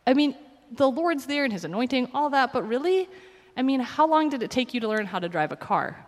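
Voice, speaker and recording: A woman preacher telling stories in a sermon, chatty and animated, acting out the dialogue. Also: sits high, fairly quick, in a large hall. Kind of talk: sermon storytelling.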